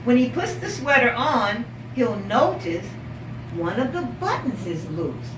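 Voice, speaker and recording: In an echoey room, a lively, high-voiced woman reads a picture book aloud to young kids, drawing out story words expressively. She asks them questions and warmly repeats their answers, recorded from a distance with heavy background noise.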